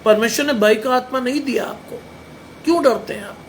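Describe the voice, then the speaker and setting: Blunt high-voiced preacher. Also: male voice, brisk, slight background noise. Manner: blunt, emphatic preaching with rhetorical questions. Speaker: pastor. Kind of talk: sermon.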